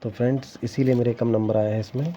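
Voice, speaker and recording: A young teacher exam candidate rambles through his scores for viewers in a casual vlog, restarting often and sounding regretful. He talks fast in a mellow, mid-range voice with fairly even intonation. There's a little hiss or hum in the dull lo-fi recording, along with faint ambience.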